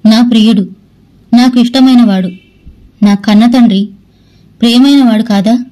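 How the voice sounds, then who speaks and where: A woman's voice: fairly high pitch, moderate pace, warm tone, natural voice, rough recording. A woman voicing a proud young woman who is hurt and defiant in a storybook. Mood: tearful. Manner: defiant, then sobbing.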